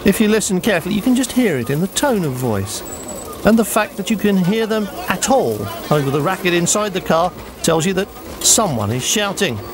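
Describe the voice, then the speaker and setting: A man's voice: sits high, sing-song, brisk, background noise. Wry male documentary narrator.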